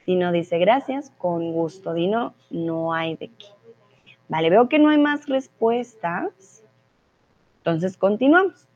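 A woman leads an online language class at an unhurried pace, walking learners through grammar with patient, repeated examples. The stream audio sounds dull and a little lo-fi. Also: fairly low pitch, a little mellow. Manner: slow, patient explaining with repeated example sentences. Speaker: Spanish teacher. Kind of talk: live online language lesson.

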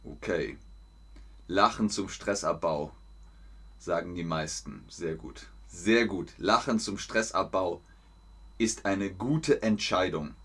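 A man teaching a German lesson on a stream, speaking slowly and clearly, repeating words for learners and adding lively sounds and laughs. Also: low-pitched.

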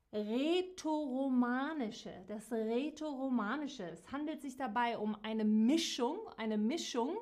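A woman teaches a live lesson to her viewers. Her voice sits a little high and she speaks slowly. She says each key word twice, clearly and carefully. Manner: slow, repeats key words, warm direct address to viewers. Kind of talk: slow, clearly articulated live-stream lesson.

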